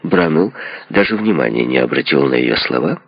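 A man narrating an audiobook in a measured, lively reading. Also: a bass voice, slightly rough, no room sound. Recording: dull lo-fi recording.

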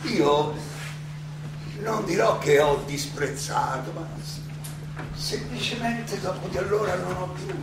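An actor playing Socrates, a wry old Athenian philosopher defending himself in court in a halting, ironic theatrical monologue full of repetitions. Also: male voice, high voice, creaky, loud music behind the voice, exaggerated voice. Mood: earnest, protesting. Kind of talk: theatrical stage monologue, conversational oratory. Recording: distant echoey stage recording, noisy background.

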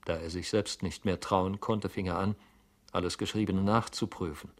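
A man narrating a classic novel as an audiobook, measured and even. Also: sits low.

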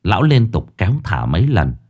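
Male ghost story narrator, low voice, lively delivery, dramatic reading. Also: fairly quick.

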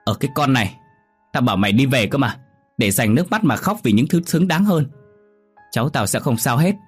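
A man voicing a blunt, quick-tempered young woman who scolds her friend, in a spoken ghost story. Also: lowish voice, animated, a little mellow, breathy edge, soft background music. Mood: angry.

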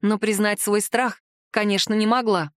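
A woman reading a first-person fantasy audiobook aloud in a lively, expressive way. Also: mid-range voice, moderate pace, no room sound, studio quality. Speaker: audiobook narrator.

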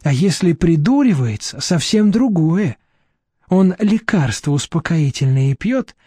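A man's voice: on the high side, sing-song, unhurried, mellow, breathy edge, dry recording, studio quality, full character voice. A man reading an audiobook, voicing a shrewd middle-aged woman who talks bluntly and sardonically. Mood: sardonic.

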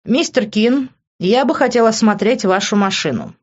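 A woman's voice: a little high, animated, normal speed, highs cut off, pitched above the performer's own voice. A woman reading an audiobook, voicing a polite, formal male police officer.

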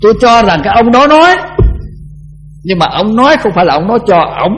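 An older man, a Buddhist monk, giving a conversational dharma talk that often repeats words and slows down to chant verses. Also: high-pitched, big pitch swings, fairly bright tone, a little hiss or hum, low-quality recording.

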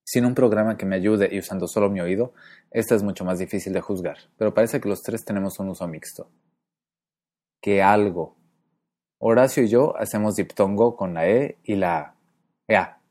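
Methodical low-voiced male language teacher. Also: mellow. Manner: clear, methodical, slows down to demonstrate pronunciations. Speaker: Spanish phonetics teacher. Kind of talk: explanatory lesson narration.

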